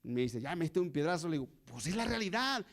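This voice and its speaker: A man's voice: a little high, very animated, fast, a bit bright. A man preaching a sermon to his congregation, telling a story and asking rising rhetorical questions. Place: church.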